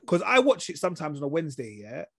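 A man with a London roadman accent hosts a casual TV review chat. His voice sits a little high for a man and his talk is full of street slang. The sound is very dry, with no room on it. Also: very animated, fast talker, creaky, breathy edge, dry recording. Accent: London, urban street slang. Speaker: podcast host.

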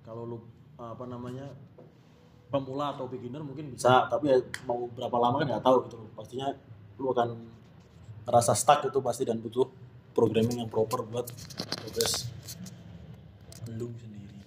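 A man's voice: medium pitch, level tone, moderate pace, pauses often, a little hiss or hum. A man hosting a casual podcast discussion, summarizing points and passing the turn to others.

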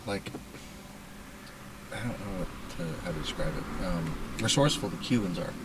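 A man in casual chat, curious and quick to laugh, telling stories and swearing. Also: deep voice, lively intonation, heavy background noise. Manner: curious, laughs often, tells anecdotes.

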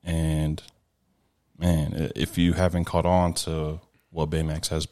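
Deep-voiced male DJ, sincere and halting, low register. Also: completely flat delivery, a little mellow. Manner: earnest, halting with restarts. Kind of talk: casual interview chat.

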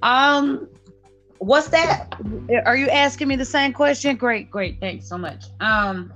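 Slow-paced and a bit bright, her high voice belongs to a late-forties podcast host leading a casual chat. She's blunt and emphatic, repeating herself to make points land, over music in dull lo-fi sound.

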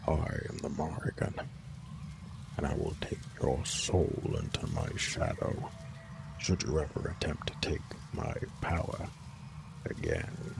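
A male narrator voicing an ancient, menacing female crow spirit who rules the realm of nightmares, speaking slowly and commandingly in a hollow, gravelly voice. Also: very deep voice, very animated, noisy background, pitched below the performer's own voice, heavily acted. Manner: commanding, threatening.

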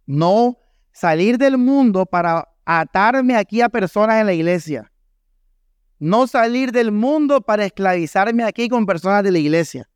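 A man's voice: sits high, animated, a little slow, clear, resonant tone, dry recording, clean studio sound. A man preaching a sermon in a church, with a Colombian Caribbean Spanish accent, speaking emphatically and firing rhetorical questions at the congregation. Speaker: pastor. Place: church hall.

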